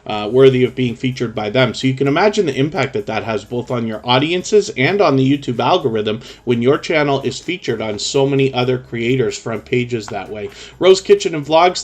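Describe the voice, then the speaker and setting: A male live streamer with a mid-range voice, hosting casually and chatting to viewers. He tends to explain things in long, run-on stretches. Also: mid-range voice.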